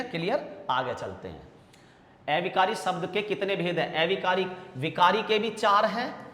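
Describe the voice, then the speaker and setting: Male exam-prep grammar teacher, higher pitch, drills answers by repetition, echoing room. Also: a bit bright. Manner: calls students 'bhaiya' and 'beta'. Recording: echoey room with long reverb.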